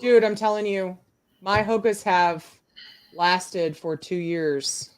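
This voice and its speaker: A woman's voice: on the low side, slow, clean tone, no room sound. A woman in her forties chatting on a podcast, telling teasing stories. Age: 40s. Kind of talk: casual podcast chat.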